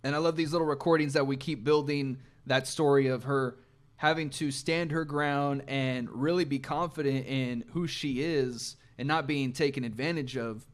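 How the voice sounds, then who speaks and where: A man's voice: medium pitch, steady tone, moderate pace. Thoughtful man breaking down songs. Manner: thoughtful, analytical, occasional restarts. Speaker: music reaction host. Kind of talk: reflective song breakdown.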